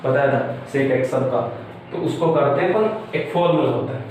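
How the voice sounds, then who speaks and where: A man's voice: mid-range voice, normal speed, darkish tone, recorded from a distance. A young man teaching a math lesson at a board, working through each step and often checking with his listeners. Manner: explains step by step, repeatedly checks with "है ना". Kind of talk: whiteboard math lecture. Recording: very echoey room, off-mic, faint hiss.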